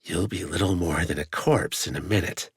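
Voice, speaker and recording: A man's voice: low-pitched, normal speed, husky, no room sound, clean studio sound. Man voicing a cold, menacing bandit woman. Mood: cold, threatening. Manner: clipped, threatening delivery.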